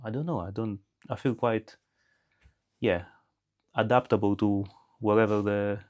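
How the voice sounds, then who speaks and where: A man's voice: fairly low pitch, fairly even intonation, a little slow, a little mellow, muffled recording. A middle-aged man from Greece, a podcast guest talking in an unscripted way, thoughtful and hesitant with many restarts. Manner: reflective, hesitant, frequent restarts.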